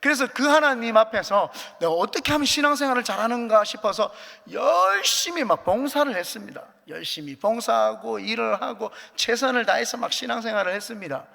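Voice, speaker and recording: A man's voice: very high voice, expressive, brisk, gravelly, hardly any pauses, sharp tone. A man, a pastor, preaching a sermon as earnest personal testimony with light jokes, in a church sanctuary. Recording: echoey church hall.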